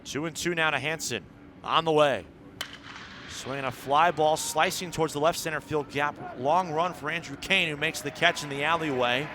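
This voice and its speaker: A man with a fairly high voice calls live baseball play-by-play on the radio at normal speed, mixing clipped descriptive calls with longer stretches of analysis. The broadcast comes from an outdoor ballpark, with steady ballpark noise in the background.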